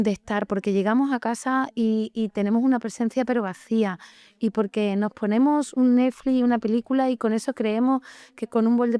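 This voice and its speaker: A woman co-hosting a podcast, talking in an earnest, measured way and explaining with everyday examples. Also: on the high side, mellow, clean tone, no echo. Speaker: podcast co-host. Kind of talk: reflective podcast conversation.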